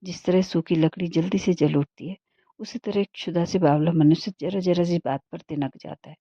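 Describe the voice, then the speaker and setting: A woman's voice: on the low side, fairly even intonation, normal speed, mellow, no echo. A woman voicing a proud young wife from a wealthy family in a storybook reading, speaking in a cutting, indignant way. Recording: dull muffled dry recording.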